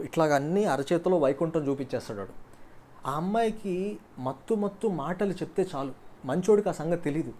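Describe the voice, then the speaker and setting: A man giving casual relationship advice, animated and storytelling, acting out the people he quotes. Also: a little high, a little hiss or hum.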